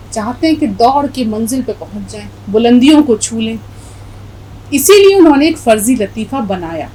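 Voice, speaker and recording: A woman's voice: sits high, low-quality recording. A middle-aged woman teaching an Urdu lesson, patiently spelling out letters and repeating words as she explains a poem.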